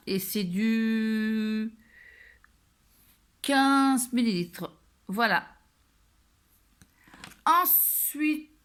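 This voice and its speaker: A woman's voice: a little high, fairly bright tone. A woman chatting casually as she unboxes a beauty box, hesitant with many fillers and restarts.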